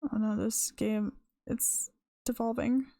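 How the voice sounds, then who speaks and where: A woman's voice: on the high side, steady tone, slow pace, vocal fry, warm tone, dry recording, studio quality. A woman streamer chatting casually and rambling on a live stream, often breaking off mid-thought. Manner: rambling, chatty, self-interrupting.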